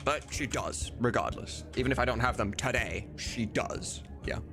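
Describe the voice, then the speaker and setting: A man hosts a casual livestream, speaking at medium pitch and moderate pace, informal and occasionally swearing as he drifts easily between work and chat. He edits voice mods, and music and keyboard clicks can be heard behind him.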